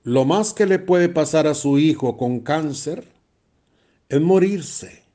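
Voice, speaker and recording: A man's voice: fairly high pitch, lively intonation, slow pace, mellow. A man, a priest preaching a blunt, emphatic sermon and repeating phrases for stress.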